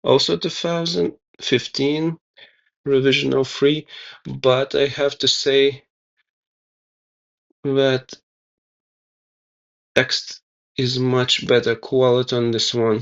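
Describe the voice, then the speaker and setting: Slow, mumbling man thinking aloud. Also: medium pitch, clear, resonant tone. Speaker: DIY video maker. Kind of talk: casual narration over hands-on repair. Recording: somewhat dull, lo-fi sound.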